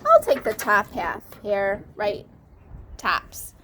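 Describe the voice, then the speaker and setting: A woman's voice: mid-range voice, wildly swooping pitch, slow, fairly bright tone, a little hiss or hum, exaggerated voice. A woman reading the part of a lazy, gullible male bear in a children's storybook. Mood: sleepy, vague. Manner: drowsy, hesitant replies.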